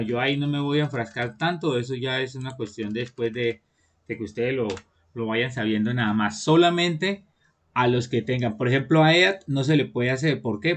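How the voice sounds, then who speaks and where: Man, patient teacher, online class, mid-pitched voice, keeps checking in. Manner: patient, repeats "¿listo?" to check understanding.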